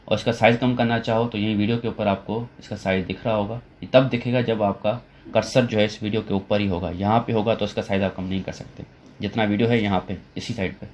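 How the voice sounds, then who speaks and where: A man talking through a software tutorial step by step, with frequent fillers and restarts as he goes. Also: on the low side, steady tone, a little hiss or hum. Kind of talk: screen-recorded software tutorial.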